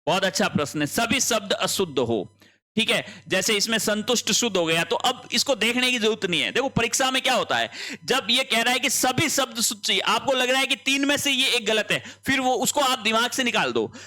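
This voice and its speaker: High, bright-voiced exam tutor man. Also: expressive, brisk. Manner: explains each option step by step, checking in with students. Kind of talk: exam answer-key lesson.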